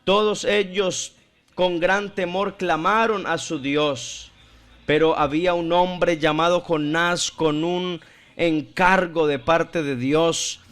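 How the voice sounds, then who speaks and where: A man preaching a sermon, speaking slowly and deliberately and drawing out words for emphasis. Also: fairly high pitch, fairly even intonation, fairly bright tone, smooth.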